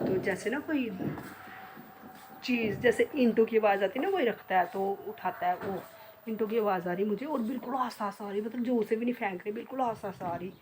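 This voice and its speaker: A woman's voice: medium pitch, darkish tone. Chatty middle-aged woman in an echoey room. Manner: rambling, repeats herself, talks to viewers directly. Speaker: vlogger. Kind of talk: casual chatty storytelling to viewers. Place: home, indoors. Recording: echoey room with clear background noise.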